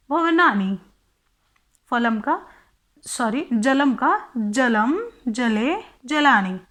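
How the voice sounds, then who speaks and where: A woman with a high, light voice walks slowly through a Sanskrit lesson, reciting word forms one by one. She talks at an unhurried pace, asks questions aloud and answers them herself, in a patient classroom manner. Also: fairly bright tone. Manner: methodical, recites word forms one by one and explains each in Hindi. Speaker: Sanskrit teacher. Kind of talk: exam-prep textbook lesson.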